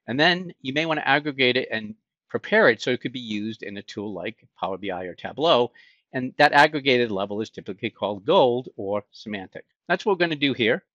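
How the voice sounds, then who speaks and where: This mid-range, fairly bright male voice belongs to a middle-aged instructor from Boston walking viewers through a tech tutorial via screen share. He talks conversationally, raising his own questions and answering them. There's no room sound, though the audio is dull and lo-fi.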